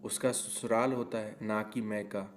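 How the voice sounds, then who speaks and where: A man's voice: on the low side, little pitch movement, a little slow, lightly acted. A man voicing a caring but scolding middle-aged mother-in-law in a cartoon story. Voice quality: scolding, admonishing.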